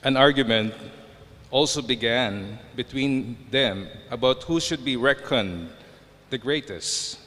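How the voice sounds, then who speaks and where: A man proclaiming a gospel reading at a church service, loud and measured, with a cathedral echo around his voice. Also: medium pitch. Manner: slow, loud, measured declaiming. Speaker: gospel reader at a liturgy. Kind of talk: solemn liturgical gospel proclamation. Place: large church. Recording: distant voice with long church reverb.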